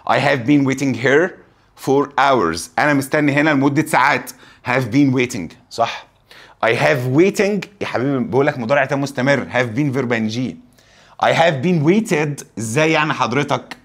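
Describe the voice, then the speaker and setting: A young Egyptian man teaches a review lesson in a husky, slightly breathy voice at a middle pitch. He reads the English examples slowly and drops playful teasing remarks between the explanations. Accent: Egyptian Arabic. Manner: joking, teasing asides to students.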